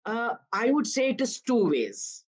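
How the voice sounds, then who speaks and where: A woman in her fifties from Karnataka in southern India appears as an activist guest on a live news panel interview. Her voice is a little high and sing-song with a breathy edge. She argues earnestly and in a measured way.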